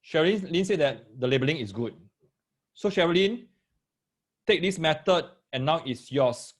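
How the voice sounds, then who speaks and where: In a live online maths lesson for parents and children, a male tutor with a Singaporean accent uses Singlish particles as he works through each step. His voice is fairly high and expressive at a normal speed, and he repeats phrases and checks that listeners are keeping up.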